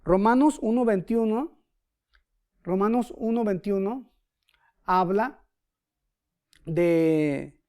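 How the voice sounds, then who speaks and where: A man's voice: sits high, slow, long pauses, clean tone. A man with a Mexican accent preaching a sermon, telling a personal story and acting out the people in it. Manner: animated storyteller, acts out quotes. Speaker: pastor.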